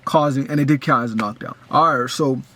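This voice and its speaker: A man's voice: medium pitch, fairly quick, a bit bright, a little hiss or hum. A young man giving a casual, rambling breakdown of a boxing match as a fan, full of restarts and fillers.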